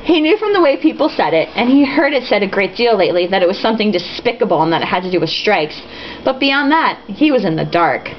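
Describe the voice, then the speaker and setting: Over a dull, faintly hissing lo-fi recording, a woman with a mid-range, very animated voice reads a novel at a quick clip. She plays the tipsy host of a drinking game, comic and casual, cutting in with sarcastic, foul-mouthed commentary.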